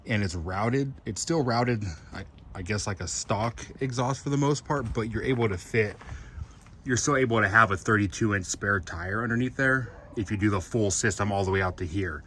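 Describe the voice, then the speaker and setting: A man vlogging a truck part install in a casual, excited, chatty way, with fillers. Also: fairly low pitch, moderate pace, slight background noise. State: out of breath.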